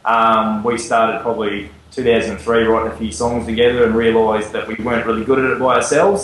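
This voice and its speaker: Laid-back, cheeky Australian singer; medium pitch, echoey room with light noise. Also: male voice, a bit bright. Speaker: lead singer and guitarist, guest. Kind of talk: casual interview chat.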